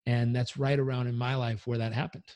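A man speaks as a guest coach on a podcast, energetic and motivational. His voice sits in a middle register. The sound is dry and close, with no room around it. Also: mid-range voice, brisk, dry recording. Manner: energetic, motivational, leads breathing exercise aloud. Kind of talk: podcast interview.

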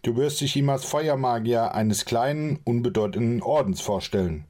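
A man's voice: medium pitch, moderate pace, voice pushed up, lightly acted. A man voicing an irritable male leader who scolds and barks orders at his companions, in an audiobook reading. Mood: commanding. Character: irritable male leader, short-tempered and commanding.

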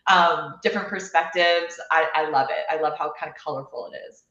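A woman's voice: sits low, brisk, a bit bright, roomy sound, highs cut off. A woman from Canada chatting in an interview, upbeat and gushing with plenty of ums and likes. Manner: upbeat, gushing, many fillers. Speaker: business partner. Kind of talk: casual interview.

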